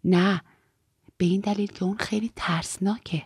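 A woman's voice: medium pitch, gravelly, mellow, slight background noise, lightly acted. A woman reading as an earnest teenage girl in religious training, eager and confiding, sometimes dropping to a whisper. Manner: eager, confiding, drops to a whisper when fearful.

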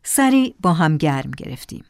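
A woman narrating a first-person story in a calm, measured way. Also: low-pitched, creaky, smooth, no echo, studio quality.

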